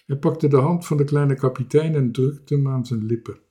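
A man reading a children's storybook aloud as narrator. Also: medium pitch. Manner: slow, even storybook reading.

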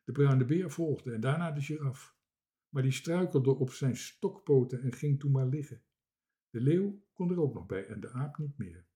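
A man reading a children's book aloud with expressive storytelling. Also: mid-range voice, moderate pace. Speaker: reader.

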